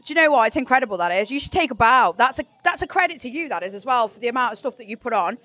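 A woman's voice: on the high side, animated, racing, bright, forceful tone. A woman with a Stoke-on-Trent accent interviewing someone in a chatty, effusive way as a podcast host. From Stoke-on-Trent, England. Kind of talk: casual interview chat.

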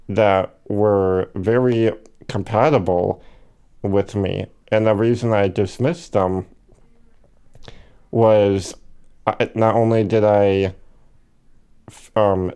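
A man talking slowly and reflectively in a personal monologue, hesitating with fillers and correcting himself, with hiccups now and then. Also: on the low side, warm tone, clear, resonant tone. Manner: slow and hesitant, many fillers and self-corrections. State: has the hiccups.

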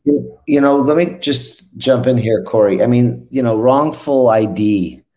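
A male interviewer asking questions in a halting way, with many restarts. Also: medium pitch, warm tone.

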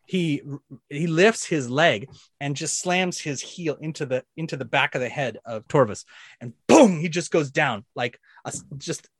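Man narrating as dungeon master, slightly high, dry sound. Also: unhurried, slightly rough, no room sound. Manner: vivid, excited storytelling with sound effects. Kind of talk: narrating a tabletop game.

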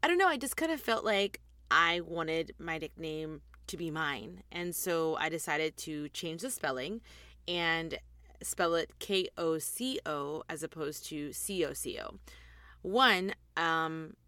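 A woman in her forties talks her way through a casual podcast episode, rambling and filling gaps with ums. Her voice sits slightly low. She records inside a closet on a desktop mic, so the sound is very dry and close, with no room echo. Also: animated, takes it slowly, bright, forceful tone. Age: 40s. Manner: chatty and rambling, with frequent ums. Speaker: podcast host. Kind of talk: casual chat. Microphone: desktop USB microphone.

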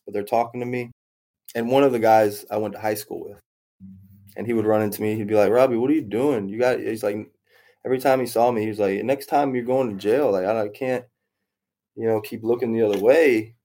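A man's voice: lowish voice, dark tone. A young man tells a rambling personal story, repeating himself and acting out what others said. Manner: rambling, repeats phrases, acts out voices in quotes. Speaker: storyteller recounting his past. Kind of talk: personal story told in casual talk.

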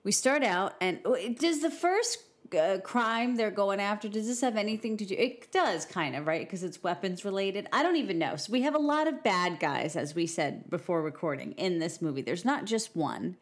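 A woman's voice: medium pitch, expressive, moderate pace, hardly any pauses. A woman co-hosting a podcast, recapping a movie in a casual, musing way, often unsure and asking questions. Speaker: podcast co-host. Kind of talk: casual movie review chat.

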